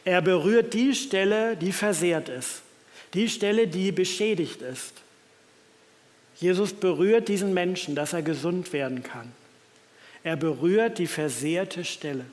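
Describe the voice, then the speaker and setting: A man's voice: high-pitched, measured pace, darkish tone. A man preaching a sermon in a church, thoughtful in tone, reading scripture aloud along the way. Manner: reflective, reads scripture aloud. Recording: long church reverb.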